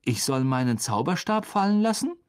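A man's voice: mid-range voice, sing-song, moderate pace, a little mellow, natural voice. A man voicing a nervous but brave teenage boy wizard in a plain, earnest voice. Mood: wary.

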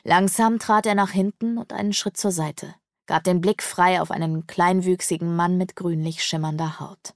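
A woman narrating a fantasy novel in the first person with steady, measured storytelling. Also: lowish voice, dry recording, clean studio sound. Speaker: audiobook narrator.

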